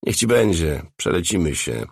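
A man's voice: low-pitched, big pitch swings, normal speed, gravelly, slightly rough, no room sound, clean studio sound, heavily acted. A man voicing a nervous, glum small-time fixer in a storybook reading, reluctant and mumbling.

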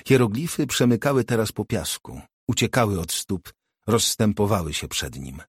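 Casting: husky, low male audiobook reader, close dry recording. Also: big pitch swings, moderate pace, dry recording. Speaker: audiobook narrator. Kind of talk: scripted narration.

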